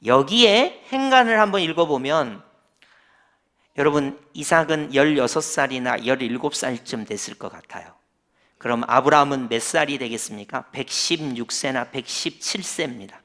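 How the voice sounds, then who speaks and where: A man's voice: mid-range voice, lively intonation, normal speed, a bit bright. A middle-aged male pastor preaching in a church. He acts out lines of dialogue and asks the congregation questions. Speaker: senior pastor. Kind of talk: sermon. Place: church sanctuary.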